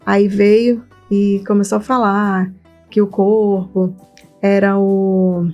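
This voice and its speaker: A woman's voice: mid-range voice, slow, lo-fi sound, faint music behind. A Brazilian woman co-hosting a podcast for mothers, talking casually and acting out family dialogue as she tells stories. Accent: Brazilian Portuguese. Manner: animated storytelling, acts out dialogue. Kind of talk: casual chat.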